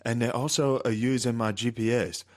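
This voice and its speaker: A man's voice: medium pitch, fairly even intonation, moderate pace, lightly acted. A man voicing an earnest young male witness in a comic retelling, giving details in a stilted, literal way.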